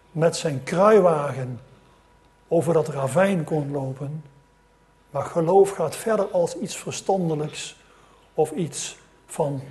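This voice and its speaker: A man's voice: a little high, warm tone. Dutch-speaking male preacher telling a story. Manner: storytelling, with many restarts and rising emphasis. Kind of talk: sermon.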